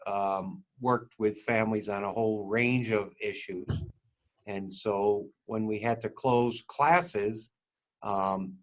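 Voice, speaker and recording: A middle-aged man with a somewhat low voice talks in a loose, conversational way. He pauses often and fills the gaps with ums and uhs, restarting his sentences as he goes. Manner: halting, many fillers and restarts. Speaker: community center board member. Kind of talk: casual video-call interview.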